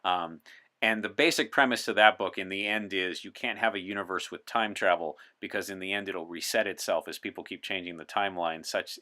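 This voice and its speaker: Playing a time traveler from 1964 on a podcast, this male guest talks in character about science fiction and current events. His low-pitched voice is bright and forceful, and his explanations are articulate and erudite.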